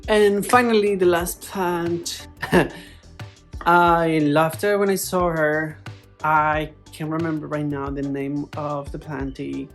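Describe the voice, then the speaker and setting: Taking it slowly in a low-pitched, steady voice, a plant vlogger with a foreign accent chats informally in English. Her playful, slightly hesitant vlog talk runs over background music.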